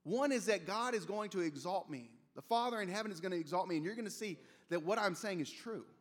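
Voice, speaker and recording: A man's voice: high voice, expressive, quick pace. A man preaching a sermon as pastor, conversational and storytelling, with casual asides. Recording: long reverb of a large hall.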